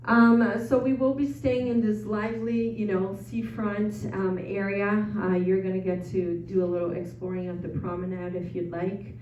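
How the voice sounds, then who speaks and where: Presenting travel information to an audience in a meeting room, this Brazilian Portuguese-accented woman, a native Portuguese speaker, keeps things chatty and self-deprecating, dropping many ums and uhs. Her medium-pitched, darkish voice stays level at a moderate pace with hardly any pauses. Heard from a distance in an echoey room, the sound is dull with a little hiss or hum.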